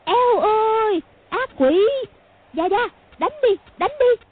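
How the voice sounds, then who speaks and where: A woman's voice: very high-pitched, slow pace, pitched above the performer's own voice. A shrieking, terrified young woman. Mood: shrieking fright. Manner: stammering, repeating words in panic. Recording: phone-like lo-fi sound.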